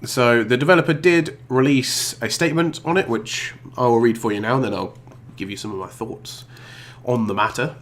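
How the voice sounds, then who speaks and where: A man with a cold-blocked nose hosts a casual YouTube gaming vlog, rambling and hesitating with lots of ums and restarts. His voice is mid-range and fairly bright, at a moderate pace.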